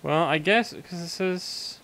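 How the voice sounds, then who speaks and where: A man's voice: a little high, slow, gravelly, a bit bright, no room sound. A man hosting a casual gameplay session, thinking aloud with enthusiasm as he explores. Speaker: let's play host.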